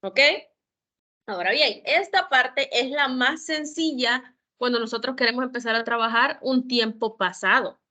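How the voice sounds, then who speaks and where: A woman's voice: on the high side, a little slow, bright, forceful tone. A woman tutor giving an online grammar lesson, explaining each rule patiently, step by step, with examples. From El Salvador. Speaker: English tutor.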